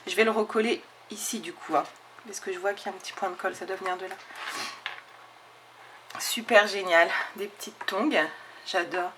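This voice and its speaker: A woman's voice: medium pitch, fairly even intonation, normal speed, long pauses, noisy background. A woman, eagerly showing scrapbooking crafts in a casual chat with her viewers. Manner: enthusiastic, chatty, lots of fillers and "hop". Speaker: scrapbooking channel host. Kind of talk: casual show-and-tell of craft mail.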